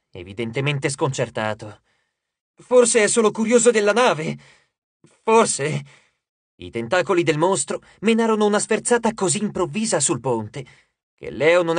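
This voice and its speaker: A man narrating an audiobook in a lively, dramatic storytelling manner on a studio microphone. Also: a little high, breathy edge, no room sound.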